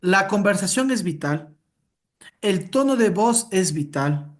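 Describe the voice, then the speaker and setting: A woman's voice: mid-range voice, lively intonation, takes it slowly. A woman instructor leading an interactive online lesson over a video call, direct and coaching.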